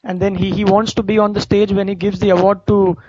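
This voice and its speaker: A man with an Indian accent talks quickly in a high voice as a talk-show co-host. He is wry and opinionated, mixing Hindi into casual English. The sound is dry and a little dull. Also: flat delivery, darkish tone, breathy edge, dry recording.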